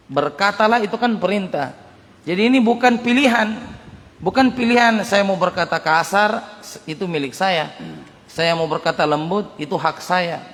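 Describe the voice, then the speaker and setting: A male religious teacher lectures with a fairly high voice. He explains in an unhurried, repetitive way. The voice trails in a long reverb, as in a large prayer hall. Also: fairly bright tone. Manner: explanatory, repeats points, mimics harsh speech for examples. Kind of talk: dawn study lecture explaining a book.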